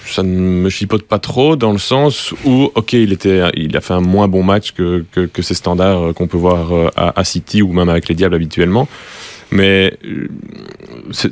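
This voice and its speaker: Hesitant low-voiced pundit. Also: male voice, dry recording. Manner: hesitant, with many restarts and fillers. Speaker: football pundit. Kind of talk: studio sports discussion.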